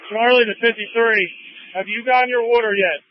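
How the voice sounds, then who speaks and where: A man's high, fast voice cuts through a tinny, narrowband fire radio. He is an officer giving urgent, clipped firefighter commands. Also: fairly even intonation, no echo. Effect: two-way radio. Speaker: fireground division officer.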